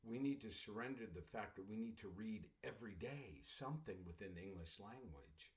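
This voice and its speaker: Male professor, slightly low voice, chatty storytelling lecture style that keeps addressing the class. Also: lively intonation, normal speed. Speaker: college English professor.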